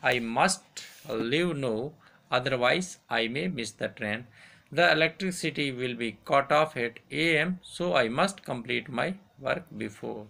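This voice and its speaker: Gravelly male teacher dictating grammar. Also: medium pitch, sharp tone, slight background noise. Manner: repeats each example sentence slowly, switches to Hindi to explain. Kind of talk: grammar lesson, read aloud and repeated.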